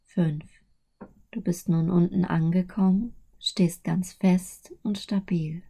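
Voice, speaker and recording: Slow, breathy woman narrating sleep meditation. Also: on the low side, fairly even intonation. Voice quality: soft, breathy. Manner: soothing, hushed, often near whisper.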